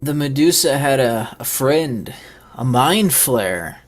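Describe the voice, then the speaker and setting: Tabletop player, unhurried pace, animated intonation, casual in-game dialogue. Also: mid-range voice, soft background music.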